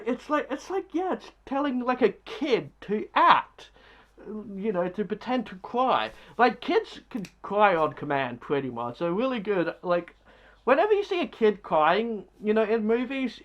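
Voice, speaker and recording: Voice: medium pitch, muffled recording. A movie reviewer talking casually and bluntly, rambling with lots of filler words. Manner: blunt and dismissive.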